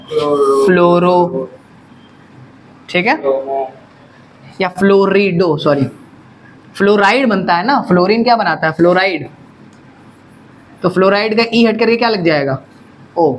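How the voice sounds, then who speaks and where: A man's voice: sits high, a little hiss or hum. Man teaching chemistry to a class. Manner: quizzing students, answering own questions. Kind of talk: classroom lecture.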